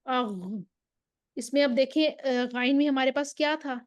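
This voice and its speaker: A woman teaching recitation rules, patiently explaining and drawing out sample syllables slowly, checking in with the listener. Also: high-pitched, fairly even intonation. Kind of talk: tajweed lesson.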